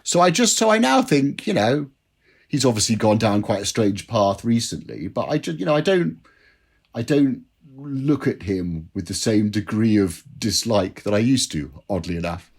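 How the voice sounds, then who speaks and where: A man's voice: lowish voice, big pitch swings, moderate pace, vocal fry, husky. A man, a drinks writer, telling self-deprecating anecdotes as a guest in an interview. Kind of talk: interview storytelling.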